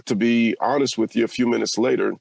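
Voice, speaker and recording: A man's voice: mid-range voice, fairly even intonation, quick pace, vocal fry, darkish tone, breathy edge, no room sound. A man from California hosting a podcast, talking in an earnest, reflective and personal way. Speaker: podcast host. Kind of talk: casual podcast conversation.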